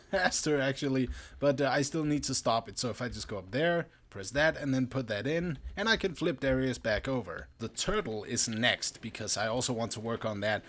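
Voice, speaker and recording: A man with a tired voice doing casual gameplay commentary as a video host, getting excitable as he shows off his builds. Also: mid-range voice. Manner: excitable, laughs and exclaims while playing. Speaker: gaming YouTuber.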